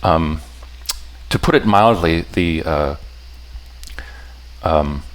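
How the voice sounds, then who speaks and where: A man giving an explanatory talk to a live audience about puzzle patterns, often stopping to restart and rephrase his sentences and checking in with listeners. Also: rumbling low. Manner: halting and self-correcting, stops to restart sentences; talks directly to the audience with checking questions.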